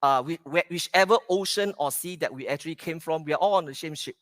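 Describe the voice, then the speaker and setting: Brief: middle-aged Singaporean man, somewhat high voice, dry close sound, plain conference keynote. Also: fast, fairly bright tone, no room sound. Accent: Singaporean English. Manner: plain, repeats "okay" to pace points. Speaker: conference speaker. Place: conference hall stage.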